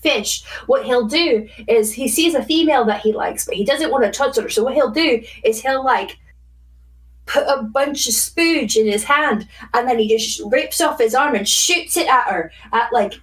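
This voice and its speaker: A woman with a high voice chats on a podcast, telling fun facts in a lively, storytelling way. She sounds set back from the microphone, a little distant. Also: normal speed. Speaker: podcast guest. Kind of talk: casual chat.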